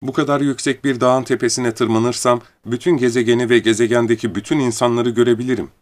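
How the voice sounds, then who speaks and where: A man voicing a gentle, curious little boy prince who speaks politely and wistfully. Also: mid-range voice, flat delivery, fast, lightly acted. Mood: wondering. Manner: polite, wondering, softly pleading.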